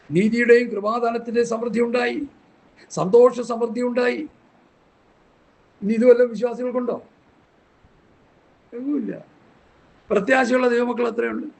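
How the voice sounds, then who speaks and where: A man's voice: extremely high pitch, gravelly. A man preaching a Bible study sermon in an impassioned, scolding way, full of rhetorical questions. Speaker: pastor.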